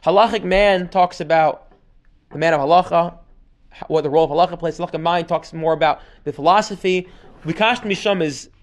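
A rabbi teaches a class, reading passages aloud and explaining them animatedly while mixing in Hebrew and Yiddish terms. His voice is a little high and his pace brisk, like a lecture on a text.

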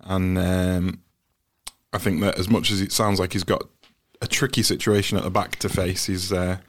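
A man giving measured, casual football analysis as a podcast panellist. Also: low voice, flat delivery.

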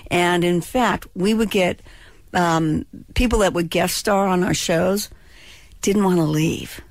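A woman in her sixties from California, a former child actor with a slight lisp, chats and jokes as a guest in a casual radio interview. Her voice is on the low side and she takes her time, with no echo in the audio.

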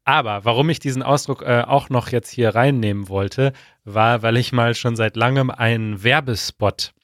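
A man's voice: medium pitch, moderate pace, fairly bright tone, no echo. Guy cohosting a podcast, easygoing, lots of ums, dry close mic. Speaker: podcast co-host. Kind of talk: casual chat.

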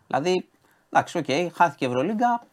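A man gives news and sports commentary as a studio contributor. His pitch rises and falls a lot. He hedges often and restarts his sentences while he works out what he wants to say. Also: sing-song.

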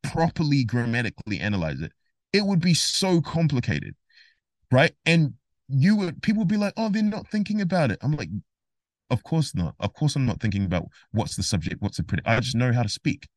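Male podcast guest, mid pitch, lively and emphatic, acts out dialogue, dry close sound. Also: fairly quick, dry recording. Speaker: guest, rapper and music theory educator. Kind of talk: casual podcast interview.

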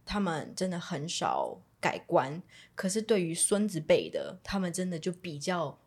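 Husky woman in casual chat. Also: fairly low pitch, wildly swooping pitch, normal speed.

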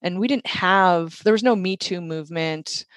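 A woman in her forties telling her story as an interview guest, animated, laughing often and saying "like" and "right". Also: lowish voice, normal speed, no echo.

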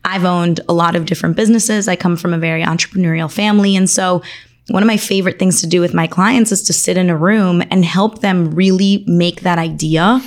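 A woman's voice: fairly low pitch, fairly even intonation. A woman born in Argentina and raised in Miami, an attorney speaking as a guest in a conversational interview, articulate and enthusiastic. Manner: articulate, enthusiastic, lists things quickly.

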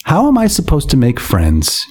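A man hosting a casual podcast chat, playful and jokey with drawn-out asides. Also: a little high, huge pitch swings, darkish tone, husky. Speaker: podcast host.

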